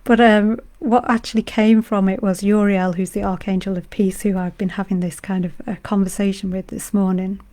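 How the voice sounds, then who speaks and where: Hoarse woman hosting a spiritual stream. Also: mid-range voice. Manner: gentle, chatty, greets viewers by name, laughs easily. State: hoarse from illness. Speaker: spiritual host of a live stream. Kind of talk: casual spiritual talk.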